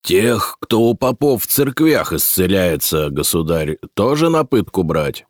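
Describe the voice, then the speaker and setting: A man reading an audiobook, voicing a calm, stubborn old boyar who answers in a level, dignified way. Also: sits low, dry recording, clean studio sound, full character voice. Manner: level, dignified, unhurried replies.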